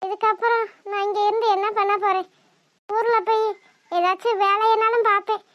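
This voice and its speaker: A woman's voice: extremely high pitch, fairly even intonation, normal speed, no room sound. A woman voicing a young woman in a cartoon who is ill with a stomach ache, curt and subdued. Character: young woman, sick and hurt, quietly defiant. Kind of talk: cartoon voice acting. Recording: dull dry studio recording.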